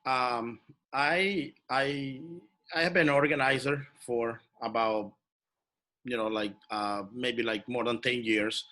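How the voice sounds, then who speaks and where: Organizer guy from el salvador, bright forceful voice, animated storytelling, on a video call. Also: mid-range voice. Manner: animated, personal storytelling with fillers. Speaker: community organizer. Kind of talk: online workshop talk.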